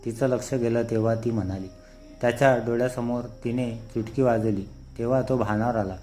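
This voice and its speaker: A male storyteller reads a scripted tale at a steady, unhurried pace. His voice is dark and mellow and stays flat and even. Soft music plays faintly behind him. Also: mid-range voice.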